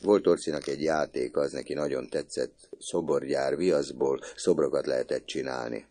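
A man narrating a classic novel as an audiobook in a calm, measured way. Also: a bass voice, no echo.

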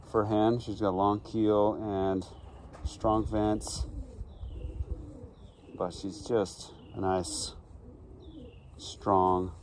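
A man in his forties, a pigeon breeder, calmly showing birds in his backyard and talking in an unhurried, matter-of-fact way with frequent ums, recorded on a handheld phone. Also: low-pitched, vocal fry. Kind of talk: casual show-and-tell. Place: backyard outdoors. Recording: faint outdoor background noise.

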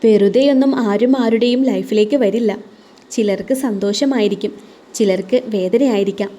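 A woman voicing a blunt, caring young friend and coworker in an audio story, pushy and lively in tone. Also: mid-range voice, normal speed, close to an everyday voice.

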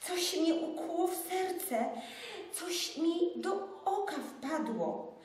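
A woman's voice: very high voice, lively intonation, slow pace, darkish tone, pitched above the performer's own voice, heavily acted. A woman voicing a young boy grown cold and mocking, reading a storybook in an echoey room from far off. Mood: pained. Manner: sneering, rude.

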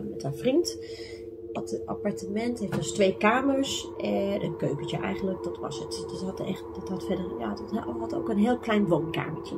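A young woman vlogger telling her own true ghost stories in a chatty way, full of fillers, sometimes dropping to a whisper and sometimes rising to excited shouts. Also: medium pitch, very noisy. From Netherlands. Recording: music playing underneath.

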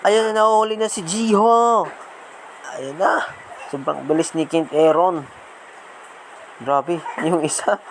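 A man with a slight lisp from missing front teeth, giving excited casual commentary as a vlog host outdoors. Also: on the high side, slow pace, long pauses. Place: outdoors on a rural road, partly riding a motorbike. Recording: outdoor noise, passing motorbikes.

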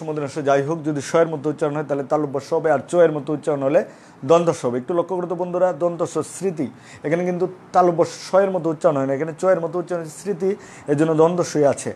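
A male teacher with a Bangladeshi Bengali accent gives a live online class, explaining slowly and repeating examples for his students. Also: a little high, fairly even intonation, dark tone. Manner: patient, repetitive explaining, addresses students as friends.

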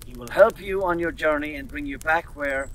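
A man voicing a kindly old male druid who speaks gently and reassuringly, heard from a slightly distant mic. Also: a little high, moderate pace, a little hiss or hum, natural voice.

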